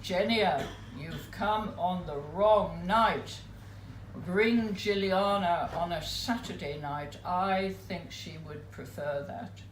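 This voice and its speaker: A woman doing an elderly German gentleman, low and unhurried. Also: slight background noise. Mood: gently chiding. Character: elderly distinguished German man photographer. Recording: roomy live venue.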